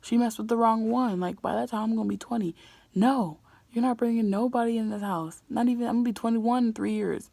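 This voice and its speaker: Exasperated 18-year-old woman, gravelly voice. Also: on the high side, brisk, mellow, no echo. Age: young adult, 18. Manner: exasperated, ranting. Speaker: vlogger. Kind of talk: casual storytime vlog.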